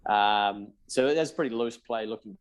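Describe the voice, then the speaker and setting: A man with a New Zealand accent, in his thirties, talks a little slowly in a voice on the low side. As a podcast guest, this accountant and business founder recounts his story candidly, swearing freely and acting out conversations from the past.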